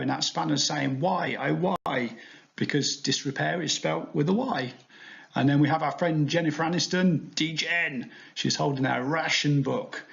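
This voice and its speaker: A man's voice: on the high side, gravelly. A man presenting a study tutorial in a playful, upbeat way. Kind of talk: narrated revision tutorial. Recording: dull lo-fi sound.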